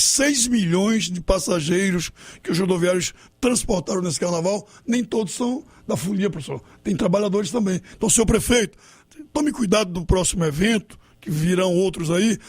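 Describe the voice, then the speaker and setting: A man hosting a live radio talk show, courteous with callers and firm when he comments. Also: sits high. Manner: warm to callers, then firm editorializing.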